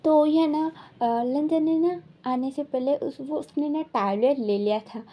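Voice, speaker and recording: A woman's voice: sits high, dark tone. A woman casually retelling a fanfiction story, rambling with lots of fillers.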